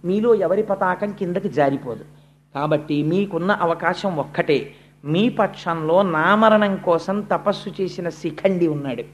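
A calm, noble old warrior grandsire speaks low and hushed, as a storyteller puts him on. The lines come slow and measured, with settled dignity. He sounds unhurried and composed. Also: lightly acted. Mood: solemn.

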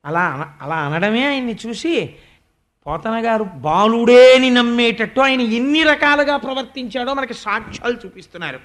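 A man with a high-pitched voice giving a devotional discourse in a lively storytelling manner. He breaks into slow, measured recitation of verses. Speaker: spiritual discourse speaker.

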